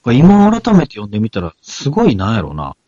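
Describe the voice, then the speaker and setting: A young man with a Kansai lilt talks through a manga in a relaxed, chatty way, his pitch rising and falling a lot. The sound is dry, close, and slightly dull, like a modest home podcast setup. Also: a little fast, no room sound. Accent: Kansai Japanese. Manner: relaxed, chatty, reads a passage aloud. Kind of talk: casual chat.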